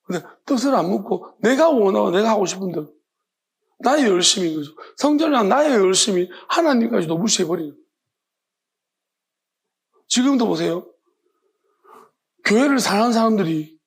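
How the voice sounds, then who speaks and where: A man's voice: high-pitched, expressive, moderate pace, vocal fry, long pauses, slightly rough. A male pastor, preaching an evening sermon with emphatic rhetorical questions. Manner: emphatic, rhetorical questions, acts out imagined voices.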